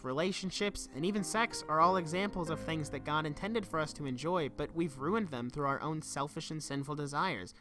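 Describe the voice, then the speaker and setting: Over background music, a young adult delivers earnest, reflective scripted narration for a video essay. The voice is mid-range with a fairly bright tone.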